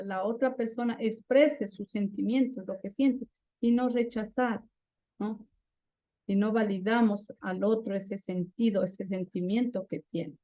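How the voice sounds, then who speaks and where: In a lo-fi, dry recording, a woman with a warm, medium-pitched voice leads a classroom lesson on active listening. She keeps questioning the class and often finishes her points with an inquiring "¿no?".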